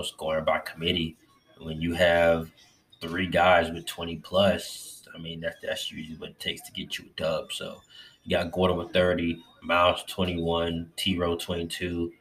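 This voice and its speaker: Deep voiced guy rambling about the game, swears a lot, a bit lightheaded from covid. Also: slight background noise. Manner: loose, profane, excitable fan talk. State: recovering from covid, a little lightheaded. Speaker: sports fan vlogger. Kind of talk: casual game recap.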